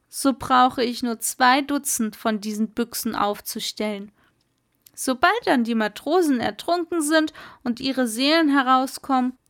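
A woman doing a jolly old merman, high and loud. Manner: high, loud, lively exclamations. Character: old male merman, jovial and sly host.

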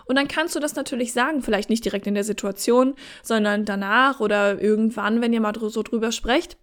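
High-voiced woman giving frank advice. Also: fairly bright tone. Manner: frank, encouraging, addresses listener as you, mixes in English phrases. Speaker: relationship and sex advice speaker. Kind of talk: casual direct advice talk to listener.

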